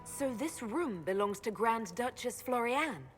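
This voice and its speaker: A woman's voice: fairly high pitch, lively intonation, a little slow, faint music behind. A woman playing a composed, authoritative female inquisitor in a video game, questioning and commanding, with long reverb on the voice. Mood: probing. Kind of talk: video game dialogue acting.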